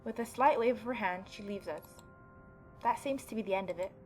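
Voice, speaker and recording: Playing host to a let's play, a woman reads a visual novel aloud in a medium-pitched, slightly fast voice. She moves between narration and chatty, reactive, informal asides while light music plays beneath.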